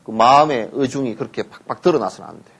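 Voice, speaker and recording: A man's voice: medium pitch, quick pace, gravelly, slightly rough. A man giving a Buddhist sermon, telling stories, acting out parents and children in quotes, and often asking listeners to agree. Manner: lively storytelling, acts out parents and children in quotes, asks listeners for assent. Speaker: Buddhist teacher giving a dharma talk.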